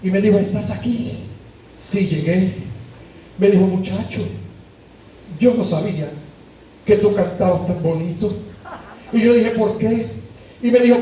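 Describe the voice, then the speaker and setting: A man's voice: high-pitched, a little slow, long pauses, warm tone, slight background noise. A man with a Puerto Rican Spanish accent, a pastor giving an emotional sermon testimony in a church. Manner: emotional testimony, tearful at times. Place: church sanctuary. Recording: very echoey church from far off. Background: congregation responding.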